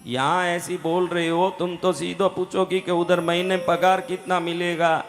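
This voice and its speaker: A man's voice: sits high, flat delivery, unhurried, faint music behind. A man telling a devotional story as a sermon, dramatic and calling out questions to the women listening. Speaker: katha storyteller. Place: live religious gathering.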